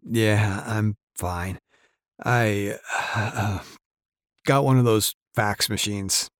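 A man's voice: lowish voice, extremely slow, no echo. Nervous young man, hesitant and close, dry sound, the narrator's own voice. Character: shaken young man on the phone.

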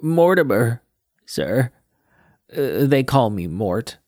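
A man's voice: mid-range voice, very animated, slow, a little mellow, no echo, clean studio sound. A man voicing Mort, a polite, nervous teenage boy who speaks earnestly and with some hesitation.

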